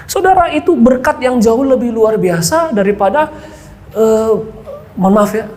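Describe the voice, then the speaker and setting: A man preaching a sermon, often calling out to the congregation and dropping to quiet asides. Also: very high-pitched, lively intonation, moderate pace. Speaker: pastor. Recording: long hall reverb, faint background ambience.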